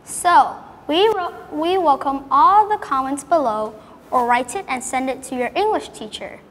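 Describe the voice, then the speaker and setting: A woman's voice: high voice, lively intonation, unhurried, in a large hall. A woman hosting a storytelling show in an upbeat, scripted way. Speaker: host.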